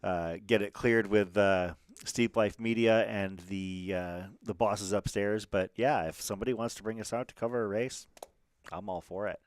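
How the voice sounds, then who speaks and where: A man's voice: lowish voice, steady tone, moderate pace, clean tone, no room sound. A man doing casual live commentary on a race stream, chatty and rambling, with lots of fillers and restarts.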